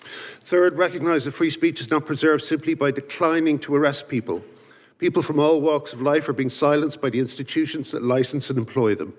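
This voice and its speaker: A man's voice: fairly high pitch, brisk. A man from Ireland, giving emphatic prepared testimony at a hearing, built on rhetorical lists. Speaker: witness at a legislative hearing. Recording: reverberant hearing room.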